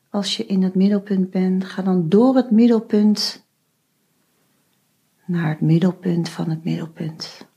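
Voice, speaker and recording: A woman guiding a meditation, giving slow, soft instructions with long pauses. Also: on the low side, creaky, husky. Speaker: meditation guide. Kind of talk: guided meditation.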